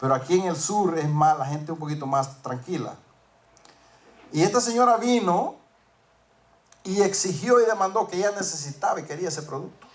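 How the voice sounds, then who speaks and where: A man preaching a sermon, telling a workplace story and acting out the dialogue, rising to emphatic peaks. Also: fairly high pitch. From northern United States.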